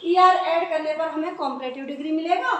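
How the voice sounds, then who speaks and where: A woman's voice: high-pitched, brisk, a bit bright, a little hiss or hum. A woman teaching English grammar in a classroom lesson, spelling words out letter by letter and answering her own questions. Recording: echoey room, voice from far off.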